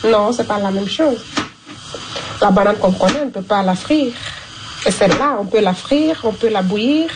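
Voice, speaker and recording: A woman recounts her own experience to an interviewer, speaking plainly with everyday fillers and repeated phrases. Her voice sits at a middle pitch for a woman, and she keeps a conversational pace throughout. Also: normal speed, noisy background. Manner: plain, repetitive storytelling with spoken fillers. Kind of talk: personal testimony in conversation.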